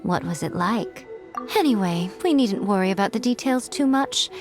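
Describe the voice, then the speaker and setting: A woman plays a sly fox-spirit shrine maiden from a video game. Her voice swings expressively in pitch, wry and teasing with an air of haughty composure, over background music. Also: animated, lightly acted. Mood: coy. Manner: wry, teasing, unhurried superiority. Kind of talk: animated video game character acting.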